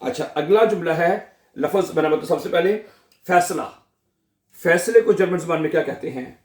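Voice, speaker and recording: A male language teacher giving a slow classroom lesson, drilling each word and phrase over and over and asking his viewers questions before he answers them. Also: fairly high pitch, roomy sound. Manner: drills words slowly, repeating each phrase.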